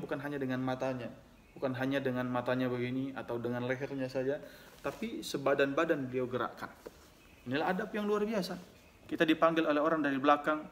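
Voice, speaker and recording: An Islamic teacher gives a religious lesson, reciting Arabic hadith text and then explaining it at length, often slipping "ya" between phrases. His voice is medium-pitched, with slight background noise.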